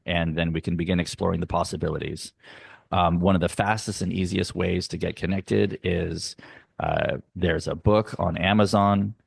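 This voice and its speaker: A middle-aged man with a very low, gravelly voice talks earnestly as an interview guest. He explains his ideas patiently, slowing down to stress key points. The sound is dry and close. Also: fairly even intonation, no echo. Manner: earnest, explanatory, sometimes slow and emphatic. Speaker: guest, youth arts nonprofit leader. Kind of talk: conversational interview. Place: home, dog barking nearby.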